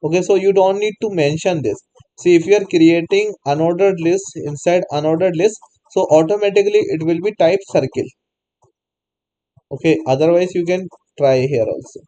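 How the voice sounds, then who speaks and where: Male instructor, slightly high voice, mellow tone, coaxing answers from a class. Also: normal speed, muffled recording. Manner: prompts students repeatedly, non-native English phrasing. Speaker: programming teacher. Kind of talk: live online class, questioning students.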